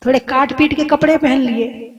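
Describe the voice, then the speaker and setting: A woman's voice: sits high, fairly even intonation, moderate pace, lo-fi sound. A Jain nun giving a sermon in a conversational way, asking her listeners questions and acting out scolding family members. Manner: conversational, asks the audience questions.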